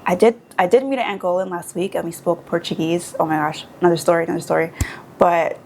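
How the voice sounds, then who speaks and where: A woman's voice: fairly low pitch, quick pace, gravelly, a little hiss or hum. A young woman from the United States talking casually and animatedly in a vlog, with many fillers. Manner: animated, chatty, lots of fillers. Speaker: vlogger. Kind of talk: casual chat.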